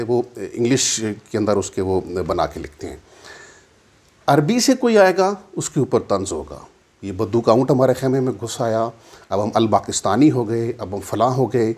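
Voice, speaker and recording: A middle-aged man from Pakistan talks straight to the listener in a slightly husky voice. He builds his case with rhetorical questions and firm emphasis, pitched at an everyday middle level. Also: expressive, darkish tone. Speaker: commentator. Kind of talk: opinion monologue.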